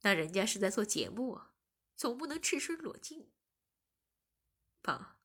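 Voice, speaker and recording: A woman voicing a teasing young man who talks calmly and coaxingly, in a voice pitched well below her narration. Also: a little slow, slightly rough, full character voice. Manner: calm, coaxing.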